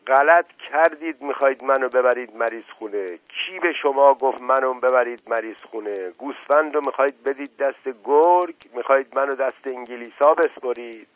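A man voicing a paranoid, bedridden old uncle who shouts in indignant fury. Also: mid-range voice, few pauses, dry recording, voice pushed up, natural voice, poor audio. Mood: furious.

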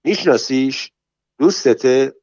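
A man's voice: mid-range voice, darkish tone, slightly rough, no echo, lo-fi sound, lightly acted. A man doing a breezy, tipsy young partygoer. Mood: casual. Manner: flippant, breezy, mocking. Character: skinny long-haired young man, tipsy and carefree. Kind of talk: audiobook reading.

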